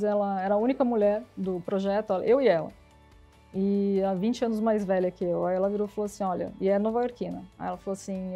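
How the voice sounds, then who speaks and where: Lively woman telling stories. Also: medium pitch. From São Paulo, Brazil. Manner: lively storyteller acting out quoted dialogue. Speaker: interview guest, IT executive. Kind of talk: casual storytelling interview.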